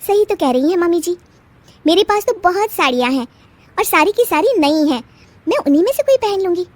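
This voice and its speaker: एक महिला द्वारा निभाई तेज़-तर्रार, बहस करने वाली नई बहू. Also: female voice, expressive, dry recording. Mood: gentle. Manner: sharp, sarcastic retorts, high and fast. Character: feisty young wife, quick to argue back. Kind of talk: storybook voice acting.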